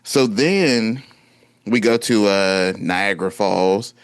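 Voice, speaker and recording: A man in his thirties co-hosting a podcast, telling a story in a lively, casual way and acting out what people said. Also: lowish voice, takes it slowly, smooth, no echo. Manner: animated storytelling, acts out quotes. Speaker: podcast co-host. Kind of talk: casual chat.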